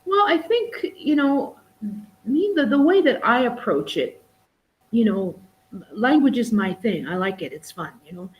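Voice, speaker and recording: A middle-aged woman's fairly high voice comes through lo-fi sound, very animated yet a little slow. As a guest on a video-call live stream, this English teacher and exam prep tutor chats casually, often restarting and saying "you know."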